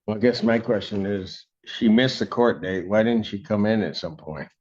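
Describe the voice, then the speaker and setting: A man serving as judge, reading out sentencing and court orders in a measured, formal way, heard in a courtroom recording. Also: fairly low pitch, steady tone, a little mellow. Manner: measured, formal, with occasional fillers. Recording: dull, lo-fi courtroom audio.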